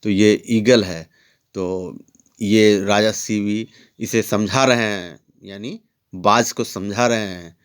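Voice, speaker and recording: Slow, deliberate male teacher explaining a story. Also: fairly low pitch, fairly even intonation, clear, resonant tone. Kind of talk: story lesson explained in Hindi and English.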